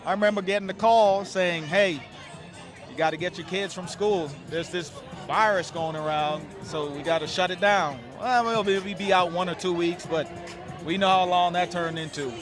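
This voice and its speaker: A man's voice: high-pitched, fairly even intonation, normal speed. A man from the Bahamas, a nonprofit founder, talking earnestly as a guest in an outdoor interview. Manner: earnest, conversational. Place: outdoor tailgate. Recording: outdoor tailgate with crowd and music. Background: crowd and loud music.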